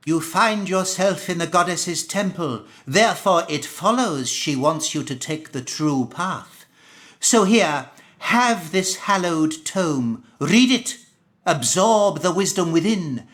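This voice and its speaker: High-voiced, slow, solemn cult zealot. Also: male voice, fairly bright tone. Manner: solemn, preachy, grandiose archaic phrasing. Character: zealous cult priest of a bloodthirsty goddess. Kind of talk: theatrical video game acting.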